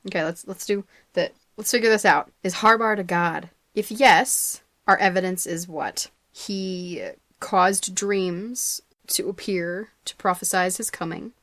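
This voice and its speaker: A woman's voice: on the low side, a little slow, few pauses, fairly bright tone, no echo. A young woman co-hosting a podcast in casual chat, laughing often and stumbling over words. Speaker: podcast co-host.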